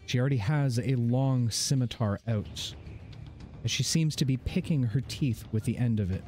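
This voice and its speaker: Guy running a fantasy tabletop game, average pitch, describes scenes slowly with pauses, music playing behind him. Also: a little mellow. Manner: measured, descriptive, dramatic pauses. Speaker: game master. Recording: background music under the voice.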